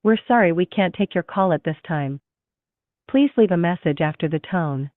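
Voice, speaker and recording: A woman's recorded automated phone menu message, announcing options slowly and politely, heard through a phone call. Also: fairly low pitch, lively intonation, dry recording. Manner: slow, measured, polite announcing. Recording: tinny dry phone line.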